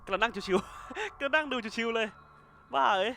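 A man giving casual let's-play commentary as a gaming YouTuber, excitable, swearing casually and laughing often. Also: very high-pitched, moderate pace, creaky. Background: faint music.

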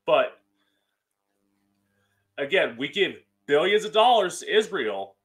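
Bright, campy drag queen man. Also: a little high, very animated, takes it slowly. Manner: opinionated, emphatic, swearing. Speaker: drag queen host of an opinion show. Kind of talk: solo opinion monologue to camera. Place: small room at home, indoors. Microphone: close studio mic on boom arm with pop filter.

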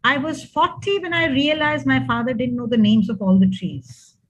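Over a video call from an indoor room, an older woman with an Indian accent and a high-sitting voice speaks at normal speed, giving informal thanks and sharing family memories. Her computer mic gives dull audio with slight background noise.

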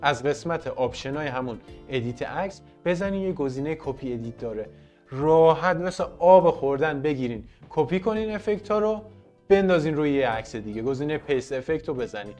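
A man walks viewers through phone tips in a casual tech tutorial. His delivery is chatty and playful, and he talks to the audience like friends. Soft music plays faintly behind him. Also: a little high, animated. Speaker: tech vlogger.

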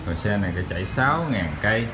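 A man with a fairly low voice and a southern Vietnamese accent delivers a casual salesman's pitch. He talks in a chatty, halting way, pausing as he goes. The handheld recording carries clear background noise with vehicle sounds. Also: expressive. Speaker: used motorbike shop salesman. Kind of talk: casual sales walkaround vlog. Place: tiled motorbike showroom. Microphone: handheld phone behind camera.

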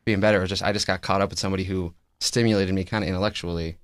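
Fast-talking low-voiced man, casual chat. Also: fairly even intonation, clean tone, no room sound, studio quality. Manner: easygoing, rambling, acts out quotes. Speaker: podcast co-host.

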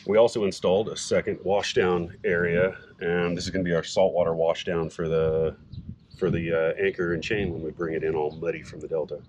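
A middle-aged man casually explaining a boat project outdoors in a sailboat cockpit, relaxed and rambling with frequent fillers. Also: deep voice, fairly quick. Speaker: sailboat owner and vlogger. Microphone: camera on a mount a few feet away. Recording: outdoor recording with background noise.

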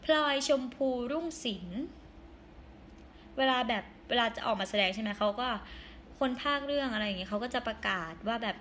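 A hoarse young woman chatting casually on a live stream, giggling and reading viewer comments aloud. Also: fairly high pitch, normal speed, a bit bright, slight background noise.

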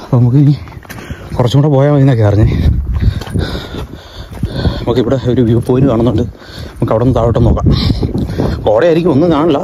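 A man's voice: medium pitch, fast, long pauses, lo-fi sound. Kerala man vlogging outdoors, Malayalam-English mix. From Kerala, India. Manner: Malayalam mixed with English words. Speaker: travel vlogger. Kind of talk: casual outdoor vlog narration. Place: outdoors on a hill path. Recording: noisy outdoor handheld recording.

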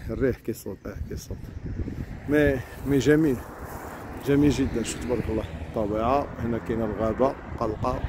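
A chatty Moroccan vlogger speaking Moroccan Darija walks along a country road outdoors in the cold wind, talking to his viewers in a casual walking vlog. His mid-range voice is set against a noisy background.

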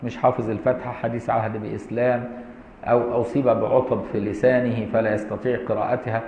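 A man's voice: mid-range voice, flat delivery, fast, darkish tone, a little hiss or hum. Egyptian man teaching in an echoey hall. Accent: Egyptian Arabic. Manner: colloquial and mocking asides between text readings. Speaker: Islamic law teacher. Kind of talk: classroom commentary on a law text. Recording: roomy lo-fi lecture hall recording.

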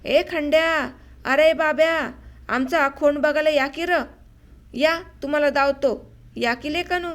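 A woman narrator voicing an excited, mischievous village boy who talks in rustic speech in a storybook reading. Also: high-pitched, moderate pace, hardly any pauses, natural voice. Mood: calling out.

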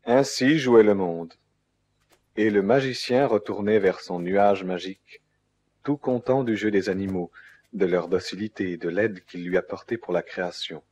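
A man narrating a fairy tale in a measured, storybook manner. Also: low-pitched. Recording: loud music behind the voice.

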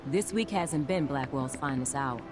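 A woman voicing an earnest, caring science teacher in a video game, speaking in a measured, explanatory way. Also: very deep voice, over music. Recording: game audio under a livestream, with background noise.

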